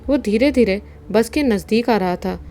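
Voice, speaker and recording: A woman narrating a horror story in a steady, suspenseful storytelling manner. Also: mid-range voice, normal speed.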